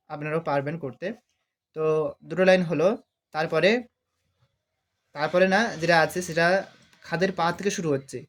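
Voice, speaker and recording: A man with a Bengali accent teaching a devotional song on harmonium, naming the sargam notes and singing each phrase slowly to show it. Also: fairly high pitch. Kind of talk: music lesson, speaking and singing along. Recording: harmonium playing loudly behind the voice.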